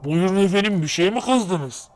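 A man's voice: high voice, expressive, moderate pace, slight background noise. A man voicing a smug, mocking, unbothered fighter in a comedic Turkish cartoon fan dub. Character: smug, mocking opponent of a puppet.

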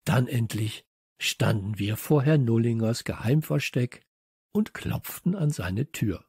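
Male reader for a kids' audiobook, unhurried, husky, dry close sound. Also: medium pitch, expressive, a little mellow, no echo. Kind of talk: children's audiobook narration.

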